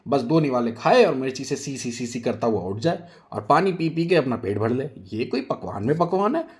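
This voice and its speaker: A man voicing a loud, rude and boastful woman who scolds and taunts everyone in a storybook tale. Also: medium pitch, big pitch swings, moderate pace, voice pushed up, lightly acted. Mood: taunting.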